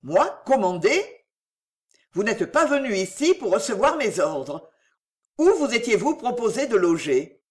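An agitated young gentleman, jealous and tense, gives clipped orders with a lively rise and fall, as a woman reader voices him. He sounds wounded but holds himself in check, like a character in a read-aloud novel. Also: fairly high pitch, unhurried, pitched above the performer's own voice.

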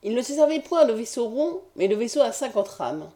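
A woman narrating an audiobook of ancient history in a measured, formal reading style. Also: on the high side, sing-song, warm tone.

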